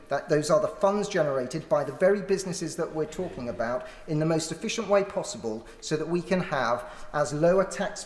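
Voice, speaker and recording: A British man, an opposition member of parliament, gives a formal debate speech in an earnest, emphatic, argumentative way. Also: on the high side. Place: large indoor parliamentary chamber. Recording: roomy echoing debating chamber.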